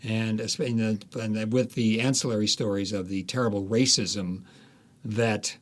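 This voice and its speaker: This American man, an author aged in his 70s, speaks a little slowly in a fairly low voice with fairly even intonation. Interviewed about his past, he shares anecdotes in an emphatic, enthusiastic manner.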